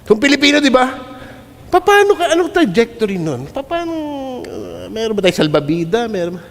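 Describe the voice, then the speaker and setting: A man, a pastor preaching a sermon in a playful, animated way and drawing in the congregation. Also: high-pitched, moderate pace, creaky. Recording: long reverb of a large hall.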